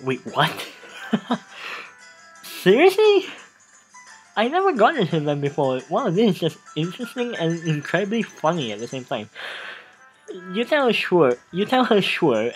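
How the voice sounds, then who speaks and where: With music playing behind them, a let's play host reads game text dramatically in a medium-pitched voice, interjecting asides and often restarting or repeating phrases. The recording is rough.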